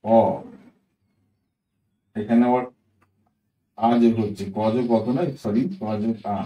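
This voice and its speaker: A man's voice: on the low side, steady tone, dull audio. Guy teaching english sounds, patient, keeps checking "ok?", echoey room, mic kinda far. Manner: patient, addresses viewers as friends, asks "ঠিক আছে?", corrects himself with "sorry"; slows down to spell out example words letter by letter. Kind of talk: spoken lesson, explaining pronunciation rules.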